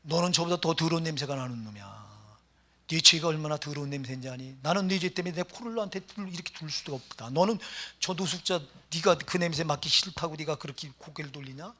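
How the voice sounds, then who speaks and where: A man's voice: on the high side, fast talker, bright, forceful tone. A man preaching who voices the Holy Spirit as a stern, blunt voice scolding a sinner.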